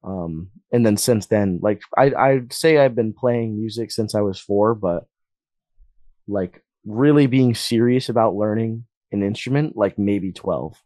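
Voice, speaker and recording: Young man, low voice, dry sound; rambling, casual, full of fillers. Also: a little slow, warm tone, no echo. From Las Vegas, USA. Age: young adult. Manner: rambling, filler-heavy, lots of "like". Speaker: guest musician. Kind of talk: casual interview storytelling.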